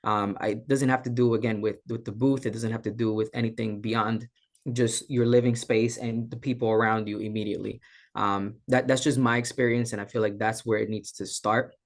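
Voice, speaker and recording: A man from Colombia on a video-call panel, his voice gravelly and held to a narrow, even pitch. He speaks in a reflective, measured way, with frequent "um" fillers and "right?" check-ins. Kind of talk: panel discussion remarks.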